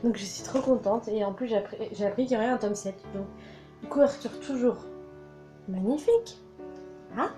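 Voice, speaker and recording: With soft music underneath, a young book vlogger enthusiastically talks through her new books in a casual way, full of fillers and repetition. She sounds a little high and expressive, keeps a moderate pace, and leaves long pauses.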